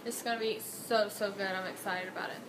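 In a casual daily vlog, a twenty-something woman rambles in a bubbly, chatty way while moving around her home kitchen, holding a phone camera at arm's length. Her medium-pitched voice is steady, brisk and fairly bright. There's a little hiss or hum in the recording.

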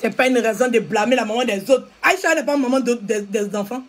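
Scolding her viewers in a heated, repetitive rant, this social media commentator has an Ivorian French accent and a voice on the high side. She talks fairly quickly during the angry live video.

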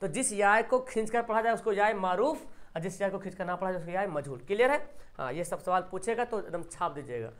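A teacher running an exam-prep grammar lesson. The voice sits at an ordinary middle pitch. It moves in a steady question-and-answer rhythm, asking and then answering, with example words stretched out slowly. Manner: asks quiz questions and answers them, drawing out example words.

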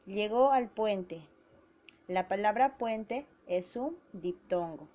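A woman teacher giving a grammar lesson to schoolchildren, slowly spelling out syllables. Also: medium pitch, lively intonation, mellow. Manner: slow and deliberate, spelling out syllables. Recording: dull lo-fi recording.

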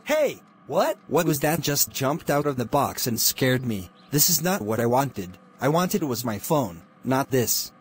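Brief: computer man voice doing a whiny cartoon cat, flat delivery, mid pitch. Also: unhurried, few pauses, slight background noise. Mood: indignant. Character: upset young male cartoon cat.

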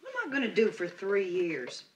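An actress playing a spirited, sporty woman golfer who talks in a brisk, plain-spoken way. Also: mid-range voice, big pitch swings, slight background noise, lightly acted. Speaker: wife and golfer.

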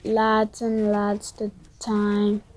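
A woman's voice: medium pitch, drawn-out words. Stuffy-voiced woman chatting over gameplay. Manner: chatty, excitable, rambling slang. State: stuffy, congested from a cold. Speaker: gaming video creator. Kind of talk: casual gameplay commentary.

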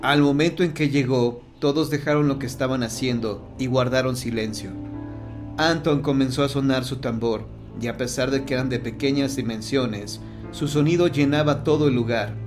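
A man's voice: medium pitch, music in the background. Man narrating a horror audiobook. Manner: steady, measured storytelling.

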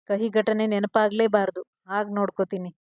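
Storybook read: tender young husband voiced by a woman, gentle, low-key, mellow. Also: level tone, normal speed, dry recording, lightly acted.

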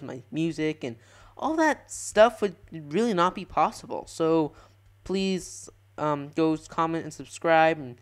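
A young man talks over his gameplay in a rambling, self-correcting way, growing excitable when the action picks up. His voice sits a little high for a man and comes across smooth and clear. He sounds like a channel host chatting straight to his viewers. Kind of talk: live gameplay commentary.

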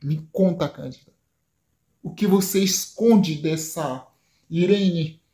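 A woman's voice: lowish voice, takes it slowly, warm tone. A woman with a Brazilian accent voicing a scheming, menacing young man in a soap plot retelling. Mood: determined.

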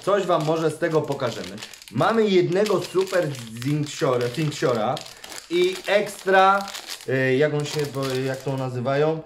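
A man's voice: on the high side, moderate pace, a little hiss or hum. Chatty dad unboxing toys with his son. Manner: chatty, reads the comic aloud, teasingly scolds the child. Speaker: father and channel host. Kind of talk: casual toy unboxing chat with his son.

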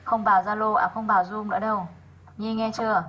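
A woman English teacher, going through worksheet answers in an online class, slowing down to sound out each example word and calling on students by name. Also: medium pitch, level tone, a bit bright, breathy edge, rough recording. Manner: methodical, slows down to sound out example words.

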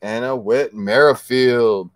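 Slow and unhurried, a man with a mid-range voice hosts a card break in a dry recording. He casually announces player names while opening packs, occasionally stumbling on them, and raises his voice to a yell when thrilled.

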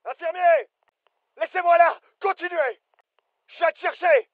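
A man voices a British fireteam soldier for a French-dubbed military shooter, delivering clipped, urgent callouts in an alert, businesslike manner. The pitch is extremely high and the pace measured, heard over phone-quality audio without echo.

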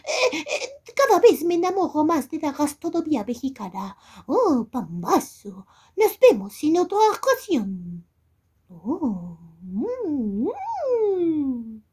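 A greedy little puppet who loves food, very high and lively, talking slowly in a sneaky, chatty way. He munches and hums between his words. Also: full character voice. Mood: sneaky delighted. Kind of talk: children's puppet show.

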